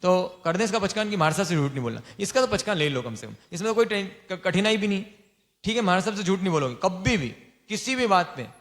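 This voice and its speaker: A man, a monk, gives an informal sermon on lay vows, teasing his listeners and quizzing them with quick repeated questions. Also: sits high, animated, a bit bright.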